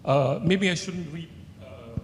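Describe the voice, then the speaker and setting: Seated audience before him in a big indoor event hall, an elderly Singaporean-accented author, seventies or beyond, tells animated personal stories on a festival panel while pausing to find his words. His handheld mic picks up hall echo and low rumbling noise.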